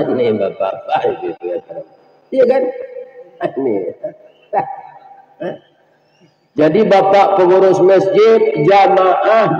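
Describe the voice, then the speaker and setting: Male preacher, Minangkabau accent, humorous sermon: lively, talks to the congregation, higher voice, echoey hall. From West Sumatra. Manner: lively storytelling that jokes and talks directly to the congregation. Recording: dull lo-fi sound, echoey hall.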